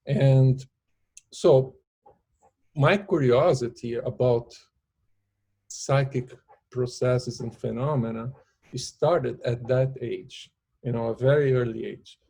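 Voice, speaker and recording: A Brazilian man, a native Portuguese speaker with a Brazilian Portuguese accent, is a guest on a podcast interview, speaking in slow, searching phrases. His mid-range voice is creaky and warm with a breathy edge.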